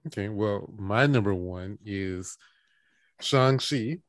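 A man's voice: on the low side, slow, no room sound. A man co-hosting a podcast, chatting casually and making his points earnestly. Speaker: podcast co-host.

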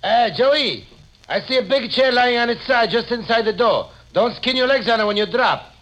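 An actor playing an anxious immigrant shopkeeper with an Italian accent and excitable, halting broken English in radio drama style. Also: male voice, very high voice, lo-fi sound. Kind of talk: old-time radio drama acting. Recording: noisy old radio recording, clicks.

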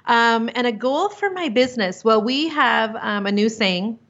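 A middle-aged woman talking as a podcast guest, chatty and animated, with quick asides and frequent laughs. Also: a little high. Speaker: podcast guest, business conference organizer. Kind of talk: casual interview chat. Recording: dull lo-fi sound.

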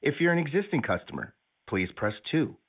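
A man's voice: mid-range voice, brisk, husky. Recorded phone-menu man over a tinny line. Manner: even, formal menu reading. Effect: recorded phone menu message. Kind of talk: scripted phone menu announcement.

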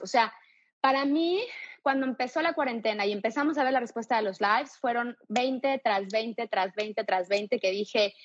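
A woman's voice: on the high side, lo-fi sound. A woman from Mexico with a Mexican Spanish accent, a fitness coach talking candidly and energetically as a guest in an interview, swearing freely. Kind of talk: casual interview talk.

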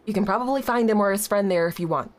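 In a very noisy recording, a woman speaks quickly in a natural, mid-range voice. She's an actress in an audio drama playing a guarded, impatient young woman at a grief support group, dodging questions at first before turning blunt and exasperated.

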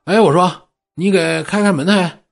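Man putting on a bossy imperial tax official, raised, brash voice, husky, lively pitch, storytelling. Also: moderate pace, faint music behind. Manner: loud, swaggering, ordering people about. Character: brash, bossy Qing-era male tax collector.

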